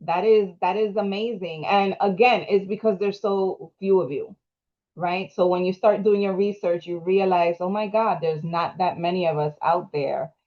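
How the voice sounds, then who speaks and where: A woman's voice: lowish voice, fairly even intonation, moderate pace. Woman moderating over dull lo-fi audio. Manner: encouraging, chatty, asides like "right?". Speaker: panel moderator. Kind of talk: conversational panel moderating. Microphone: video call.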